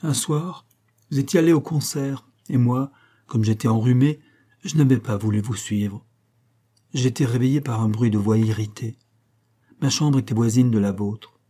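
A man's voice: medium pitch, moderate pace, warm tone, close to an everyday voice. A man voicing a prim, unmarried schoolteacher aunt who confides an old secret with earnest feeling, in a read-aloud story. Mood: impassioned confiding.

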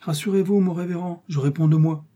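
A man's voice: on the high side, steady tone, a little fast, dark tone, lo-fi sound, pitched above the performer's own voice, close to an everyday voice. A man voicing a vain, devout young musketeer who speaks politely and modestly. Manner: polite, smooth and modest-sounding.

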